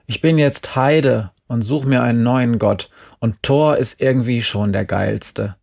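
Ein Mann spricht ein raues, freches Mädchen. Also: male voice, mid-range voice, a little slow, gravelly. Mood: blunt. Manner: blunt, loud, bossy. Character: tough, brash teenage girl.

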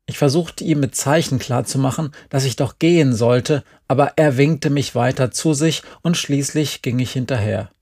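Gravelly male audiobook narrator. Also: mid-range voice, normal speed, few pauses. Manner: calm storytelling. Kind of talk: audiobook reading.

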